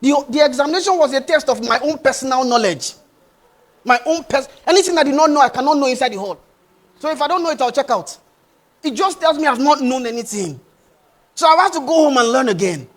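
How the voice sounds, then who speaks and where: High-pitched passionate man preaching. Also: animated, fairly quick. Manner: passionate, preaching, rises and falls between loud urging and quiet pleading. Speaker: motivational speaker. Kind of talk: motivational speech to young people.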